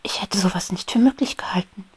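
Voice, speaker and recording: A woman voicing a shy, eager little female bee in a whispered storybook role-play, speaking softly. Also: medium pitch, brisk, slightly rough, dry recording. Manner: soft-spoken, delighted exclamations.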